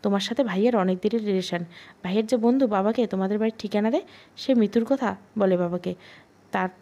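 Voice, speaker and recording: A chatty, outspoken young sister-in-law in an audio storybook, read by a woman. She speaks frankly and quickly gets to the point. The voice stays mellow and dark. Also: medium pitch, natural voice.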